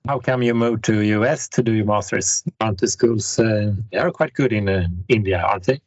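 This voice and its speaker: Male host, low raspy voice, measured questions, dead-dry lo-fi recording. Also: dry recording. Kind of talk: interview questions.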